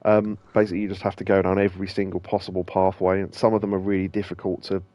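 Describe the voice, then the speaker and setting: A fast-talking gaming streamer and host delivers casual let's-play commentary in a low, dark, monotone voice, rambling with many ums and restarts. The recording is dry and muffled.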